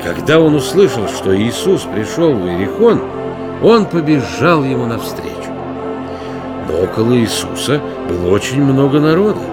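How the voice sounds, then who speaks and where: A man narrates a children's Bible story with expressive storytelling. His voice sits mid-range but moves lively up and down, with clear music underneath. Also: medium pitch.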